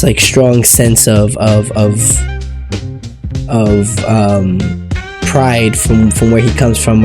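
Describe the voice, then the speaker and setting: Rambling male reviewer over background music. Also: on the low side. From Ecuador. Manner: rambling, searching for words. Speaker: TV episode reviewer. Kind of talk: casual review commentary. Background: music playing.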